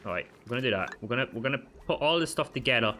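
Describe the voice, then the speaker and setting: A man giving let's play commentary as a gaming channel host, frantic and swearing, talking to himself and his viewers, his pitch jumping up sharply whenever he panics. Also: lively intonation, rapid-fire, pushed and bright, slight background noise.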